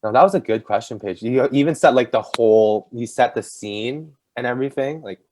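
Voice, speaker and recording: A man's voice: mid-range voice, fairly quick, darkish tone, slight background noise. A man hosting a casual podcast chat, laughing often and restarting his sentences. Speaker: podcast host.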